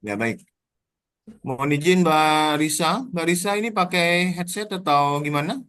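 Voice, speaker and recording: A man's voice: on the high side, a bit bright, no echo. Formal male examiner on a video call. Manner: orderly, formal, with frequent "eh" pauses. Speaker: thesis examiner. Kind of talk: formal moderation of an online exam.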